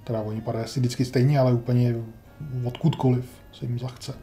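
Male let's-player, deep mellow tone, dry grumbling self-talk, light music underneath. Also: little pitch movement. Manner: wry, grumbling, talks to himself while playing. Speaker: gameplay commentator. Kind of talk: casual let's-play commentary.

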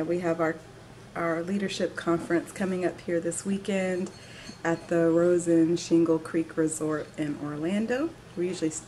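A bubbly young woman talks straight to her camera at home, her voice sitting a little low and warm. She laughs easily between phrases in a relaxed, chatty vlog. A faint hum of room noise lies underneath. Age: young adult. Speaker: vlogger. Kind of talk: casual chat to camera. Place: living room at home, indoors.

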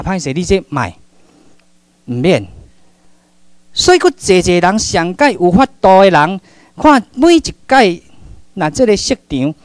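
A middle-aged man from Taiwan giving a public lecture, telling stories in an animated way that swings between loud and hushed. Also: sits high, no echo.

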